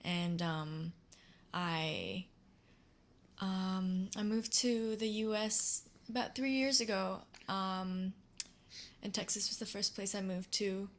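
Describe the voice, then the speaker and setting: A young woman from Singapore, talking in a relaxed, upbeat way as an interview guest. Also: mid-range voice, slow. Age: young adult. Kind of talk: casual interview.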